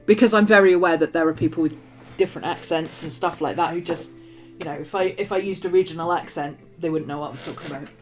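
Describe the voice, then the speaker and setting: Her voice is low and quick, with few pauses. The middle-aged West Country woman, whose accent mixes West Country and Manchester English, chats casually and bubbly while crafting on her journaling stream, full of ums and laughs; faint music plays behind her.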